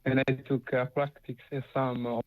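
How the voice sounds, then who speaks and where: A male caller comes through as if on a speakerphone, his voice dull and lo-fi with no room sound around it. He speaks at a medium pitch. He talks haltingly, stopping often on fillers as he puts his question. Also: flat delivery, dry recording. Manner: hesitant and halting, with many fillers. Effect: internet call that sounds like a speakerphone. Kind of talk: call-in question. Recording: dull lo-fi call audio, dry.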